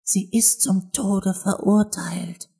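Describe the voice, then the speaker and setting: Guy doing a jumpy little rabbit, high and hushed, shy. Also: lively intonation, takes it slowly, full character voice. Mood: nervous.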